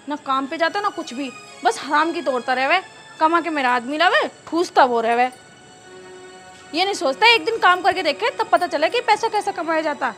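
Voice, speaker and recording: A woman's voice: extremely high pitch, fairly bright tone. A woman playing a resentful young daughter-in-law who complains sharply. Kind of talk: rural film drama acting.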